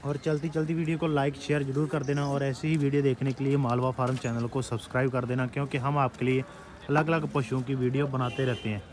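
Host at an outdoor cattle market, man, mid pitch, steady plain delivery, talks to farmers. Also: fast. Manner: plain and steady, addresses farmer brothers directly. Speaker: channel host. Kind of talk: presenting cattle rates to farmers.

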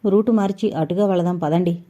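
A woman voicing a calm, steady young man who leads his friends, speaking slowly and firmly. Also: fairly low pitch, lo-fi sound, close to an everyday voice. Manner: slow, measured, firm.

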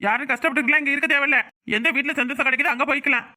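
Here the same cartoon husband scolds his wife in rapid-fire, nagging rants, voiced by a performer with a Tirunelveli Tamil accent. The delivery is high, bright and forceful, yet the tone holds steady throughout.

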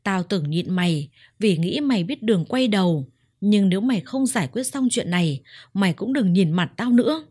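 A woman's voice: mid-range voice, lively intonation, moderate pace, dark tone, slightly rough, no echo, studio quality. A woman voicing a stern, protective older mother-in-law who speaks firmly and bluntly. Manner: firm, blunt scolding.

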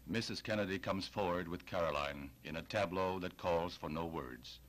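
A man narrating an old 1960s newsreel in a solemn, measured, declamatory manner. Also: deep voice, a bit bright. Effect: old 1960s newsreel sound. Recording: old newsreel track with music. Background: music.

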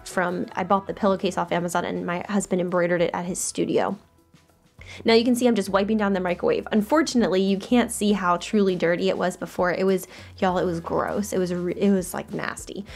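A woman's voice: mid-range voice, gravelly. Chatty young woman vlogging. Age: young adult. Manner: chatty, upbeat, many fillers. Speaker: lifestyle vlogger. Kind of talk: casual voice-over narration. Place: bedroom at home, indoors. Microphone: handheld camera at arm's length.

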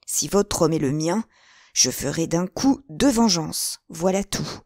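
A woman's voice: low-pitched, measured pace, dry recording, studio quality. Woman voicing d'Artagnan, eager young musketeer. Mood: excited. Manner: eager, rising to excited exclamations. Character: young hot-headed male musketeer.

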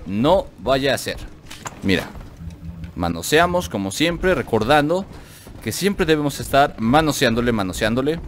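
A man's voice: mid-range voice, very animated, unhurried, a little hiss or hum. Jokey Mexican man playing a game. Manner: jokey, chatty, talks to himself and the viewers. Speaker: gaming video host. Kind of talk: let's play commentary.

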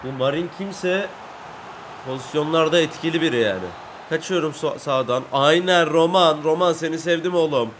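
A young man with a high-pitched voice talks his way through a football video game as he plays it. He boasts about his own moves, complains when teammates don't pass to him, and breaks into shouts and sing-song chants at goals. Faint background noise sits under the recording. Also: normal speed. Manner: brags and grumbles at teammates. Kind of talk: live gameplay commentary.

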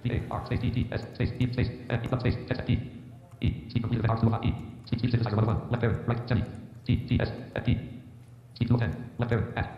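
A man's voice: medium pitch, flat delivery, fast, long pauses. A robotic, synthetic male screen reader voice that rattles off interface labels and spelled-out letters. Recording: dull, roomy hall reverb from speakers.

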